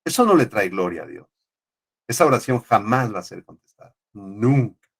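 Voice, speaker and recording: A man's voice: lowish voice, very animated, brisk, gravelly, a bit bright, husky. A male pastor teaching an online Bible class, often checking in with his students and explaining Greek words.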